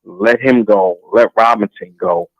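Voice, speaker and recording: A man calling in to a sports talk show, ranting in a boastful, animated way. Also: lowish voice, unhurried, no echo, muffled recording. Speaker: caller. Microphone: phone line.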